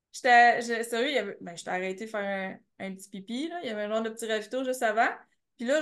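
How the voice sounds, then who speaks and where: A young adult woman with a Québécois French accent, telling race stories as a podcast guest, laughing often. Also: fairly high pitch. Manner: animated storytelling, laughs often, many fillers. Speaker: podcast guest, ultra trail runner. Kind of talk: casual interview chat.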